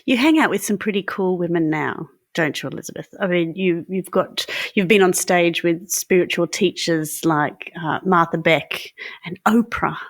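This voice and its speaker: A woman's voice: on the low side, normal speed, no room sound, clean studio sound. A woman hosting a podcast who asks long, winding, admiring questions. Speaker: podcast host. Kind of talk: interview conversation.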